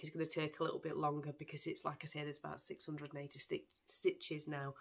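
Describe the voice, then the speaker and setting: A woman's voice: low-pitched, fairly bright tone. A woman hosting a crafting podcast, chatting casually and telling a story about herself with a laughing, self-mocking tone. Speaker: podcast host. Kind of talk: casual chat.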